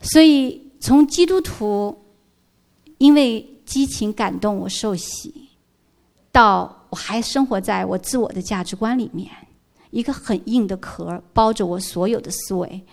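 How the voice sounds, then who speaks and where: A middle-aged woman gives a heartfelt church testimony in an earnest, emotional storytelling manner. Her voice has a gravelly, creaky edge, and her pitch sits in an ordinary middle range. She slips English words into her speech now and then. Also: a little slow, a little mellow. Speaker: church member giving testimony.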